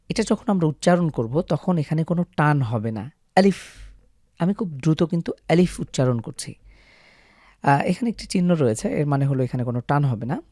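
A man's voice: on the high side, dark tone, dry recording, clean studio sound. A man teaching how to pronounce Arabic letters, explaining patiently step by step to viewers. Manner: patient, step-by-step, stretches out the sample letter sounds. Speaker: Quran recitation teacher.

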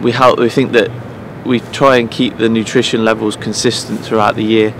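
A man in his thirties, a head groundsman, speaking earnestly to camera outdoors at pitch side in an empty stadium, pausing often with fillers and restarts. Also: background noise. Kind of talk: promotional interview to camera.

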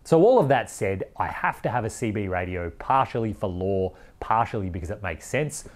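Explaining things frankly in a casual vlog, the Australian overland traveller in his forties speaks on the low side, animated and at a moderate pace. The setting shifts between a workshop garage and a seat in a vehicle.

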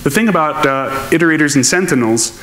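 A man's voice: on the high side, lively intonation, fast, fairly bright tone. A man giving a technical conference keynote on stage, answering audience questions in a thoughtful, explaining manner. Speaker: conference speaker. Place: large lecture hall, on stage. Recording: echoey lecture hall with faint noise.

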